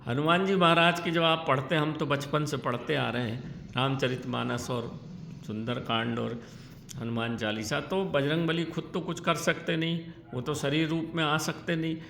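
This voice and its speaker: A middle-aged man speaks as a spiritual teacher, giving earnest step-by-step devotional instruction. His voice is gravelly and sits a little high. The room sounds echoey, with a faint hum of ambience behind him. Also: steady tone, moderate pace, a bit bright. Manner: earnest, instructive, chants syllables and verses.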